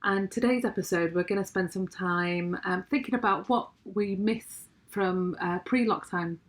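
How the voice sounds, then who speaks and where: A woman co-hosting a relaxed podcast at a mid-range pitch. She speaks thoughtfully and chattily, filling pauses with little ums and uhs as she gathers her thoughts. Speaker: podcast co-host. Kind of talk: casual podcast chat.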